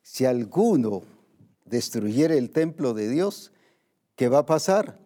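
A man preaching a sermon, emphatic, moving between raised and hushed delivery and slowing down to stress scripture. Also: mid-range voice, very animated.

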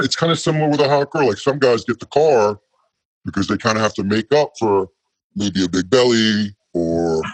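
Blunt man in his forties, disguised husky voice. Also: mid-range voice, no room sound, rough recording. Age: 40s. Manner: candid, casual, blunt. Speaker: guest. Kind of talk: casual interview answers.

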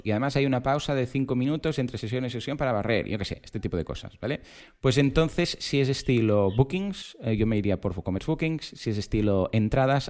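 A man hosting a casual tech podcast. He explains things with everyday examples and throws out rhetorical questions. His voice sits at a middle pitch, and his delivery swings lively up and down. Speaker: podcast host.

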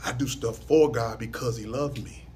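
A man preaching a sermon in a church, with a St. Louis accent, building from quiet talk to loud, sing-song calls. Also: medium pitch, steady tone, moderate pace, slight background noise. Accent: St. Louis, Missouri.

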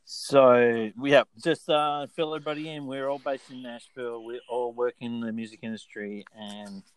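A man's voice: mid-range voice, steady tone, normal speed, smooth, dry recording, rough recording. An Australian man hosting a casual podcast chat in a laid-back, jokey way. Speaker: podcast host.

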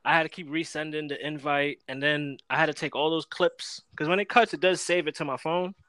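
A man's voice: fairly high pitch, fairly even intonation, fairly quick, bright, forceful tone, no echo. A young man from Florida hosting a casual podcast, profane and laid-back, laughing often. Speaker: podcast host.

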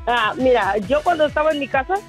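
A woman calling into a radio show, chatting about her past and quoting others in changed voices. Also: sits high. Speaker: phone-in caller. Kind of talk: telling a personal story.

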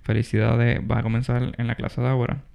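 A man's voice: medium pitch, flat delivery, fairly quick, gravelly, dull audio. A young man, hosting a casual advice podcast and often restarting his words. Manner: restarts words, mixes in English terms. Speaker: podcast host.

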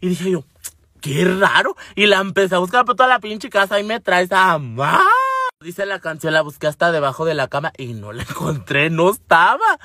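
A vlogger with a Mexican accent tells a funny personal story, swearing freely and dramatically acting out everything people said, while referring to himself with feminine forms. His voice sits high, he talks at a normal speed, and there is no room sound.

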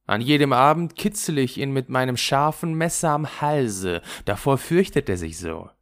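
A man's voice: medium pitch, expressive, moderate pace, pitched above the performer's own voice, lightly acted. A man voicing a wild, bossy little robber girl in a fairy tale, with a fierce, teasing manner.

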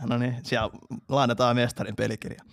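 A man's voice: mid-range voice, steady tone, creaky, no room sound, studio quality. A man co-hosting a casual football podcast, joking around with his friends during a quiz. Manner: joking, talkative banter. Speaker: podcast co-host.

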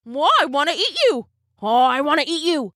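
A big shaggy city dog, as a woman narrator puts her on, exclaiming eagerly with hungry delight. Her voice is bright and raised, a friendly storybook animal. Dry, close recording. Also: high-pitched, animated, moderate pace, dry recording, voice pushed up.

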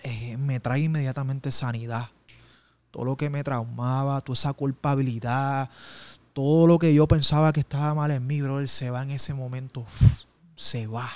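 A man's voice: mid-range voice, steady tone, normal speed, a little mellow, no echo. A man, an interview guest telling a personal testimony in an intense, emotional way full of street slang.

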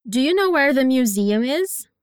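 High-voiced woman teaching English. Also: expressive, clear, resonant tone. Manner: encouraging, slow deliberate pronunciation drills. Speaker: English teacher and podcast host. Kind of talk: scripted language lesson narration.

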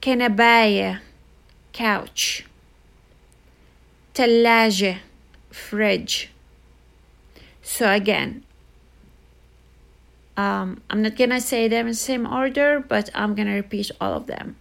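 Slow, patient woman teaching a language. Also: fairly high pitch, steady tone, creaky, a bit bright. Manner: slow, repetitive teaching with many fillers. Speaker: Arabic tutor. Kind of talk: casual online language lesson.

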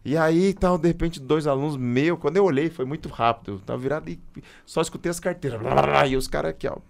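A man chats casually about teaching. His voice sits a little high, and his telling is animated and full of slang. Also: fast, creaky. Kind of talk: casual chat.

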